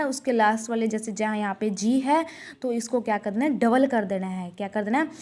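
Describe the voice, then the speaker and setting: A woman with a high voice teaches a grammar lesson. She asks and answers her own questions over and over and addresses her students fondly. She stretches out the example sentences slowly as she reads them. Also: a little mellow. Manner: repetitive question-and-answer drilling, calls students 'beta'; slow, drawn-out reading of example sentences. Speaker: school English teacher.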